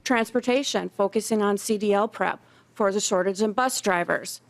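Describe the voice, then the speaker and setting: A middle-aged community education director delivers her prepared public statement backing a bill before a legislative committee in its hearing room. Her medium-pitched voice is gravelly and moves at a moderate pace.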